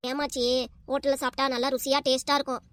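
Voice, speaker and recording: A woman's voice: sits high, level tone, quick pace, natural voice. A woman voicing a mischievous young child who teases and whines in a family cartoon. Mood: teasing. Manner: cheeky, teasing, whiny. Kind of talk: cartoon dub acting.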